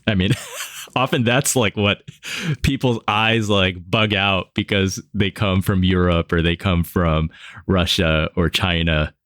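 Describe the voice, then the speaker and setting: A man's voice: low-pitched, steady tone, slow pace, a bit bright, no room sound, clean studio sound. A man hosting a podcast interview, introducing the guest and asking questions in an upbeat, enthusiastic way. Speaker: podcast host.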